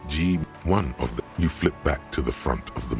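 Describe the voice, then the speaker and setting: Very low, gravelly male voice reading game narration aloud with stumbles and restarts; game music in the background. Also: moderate pace.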